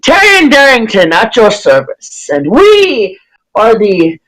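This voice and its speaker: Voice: mid-range voice, wildly swooping pitch, slow, fairly bright tone, full character voice, poor audio. A dungeon master voicing a pompous human man who speaks in an overly pronounced, grandiose way.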